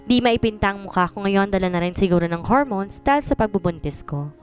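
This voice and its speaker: A woman's voice: mid-range voice, expressive, fairly quick, faint music behind. Woman narrating in an exasperated tone. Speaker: storyteller. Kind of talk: first-person story narration.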